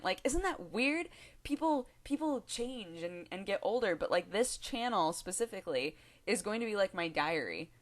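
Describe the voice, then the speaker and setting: A young woman in her twenties vlogging in a loose, rambling way. Her voice sits a little low, and she laughs easily, circling back on herself with lots of ums and likes. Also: a bit bright. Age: 20s. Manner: chatty, giggly, full of fillers and restarts. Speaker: video blogger. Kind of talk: casual rambling vlog.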